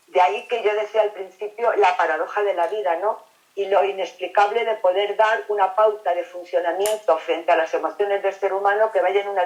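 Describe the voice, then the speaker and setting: A woman's voice: medium pitch, a little mellow, rough recording. Reflective woman on a seminar call. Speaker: seminar participant. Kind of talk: philosophy seminar discussion.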